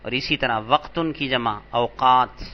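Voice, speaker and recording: A man teaching an Arabic grammar lesson, patient and slow, repeating each word for emphasis. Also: mid-range voice, lo-fi sound. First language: Urdu. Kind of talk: lecture explaining vocabulary.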